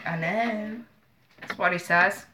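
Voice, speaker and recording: Over a desk webcam, a thirty-something tarot reader with a blocked-up nose holds a casual live-stream chat from her small home office, speaking to viewers in an emotional, apologetic way. Her voice sits in the mid range and moves slowly, with background noise audible.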